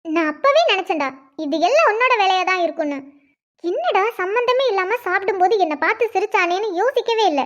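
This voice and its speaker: A woman's voice: extremely high pitch, expressive, quick pace, lo-fi sound. A woman doing a fretful cartoon heroine. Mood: angry. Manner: fretful, talking to herself.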